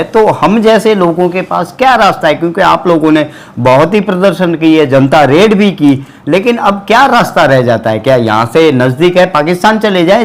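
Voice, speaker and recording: Man, news interview host, fairly high voice, agreeing, speaks to viewers. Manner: agreeing, addresses viewers directly.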